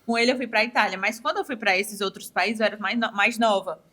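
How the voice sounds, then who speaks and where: The podcast guest, a woman in her twenties from Ceará with that Brazilian Portuguese accent, speaks fast at a medium pitch, her tone pushed and bright. She chats casually in the interview and brings quoted dialogue to life animatedly.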